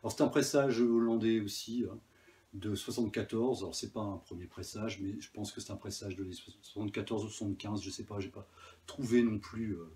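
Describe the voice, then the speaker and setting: A man's voice: fairly low pitch, fairly even intonation, brisk, darkish tone. A man casually talking about his new vinyl records, enthusiastic and hesitant, with many fillers. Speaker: vinyl collector vlogger. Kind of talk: casual chat.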